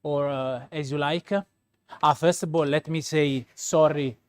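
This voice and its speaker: A man with a Roman Italian accent presents a live product demonstration as a pastry chef. His voice sits a little high and he speaks slowly and haltingly, often searching for words. He repeats key points to drive them home. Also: fairly even intonation, darkish tone, smooth. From Rome, Italy.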